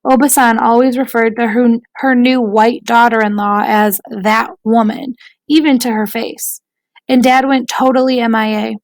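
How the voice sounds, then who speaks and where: Gravelly-edged woman audiobook narrator. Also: on the high side, fairly even intonation, moderate pace, no echo, poor audio.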